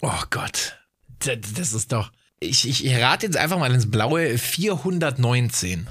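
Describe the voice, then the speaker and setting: A man's voice: mid-range voice, lively intonation, a bit bright, husky. A young man co-hosting a casual podcast, thinking aloud and explaining his point with examples. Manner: thoughtful, explains with examples and quick asides. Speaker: podcast co-host.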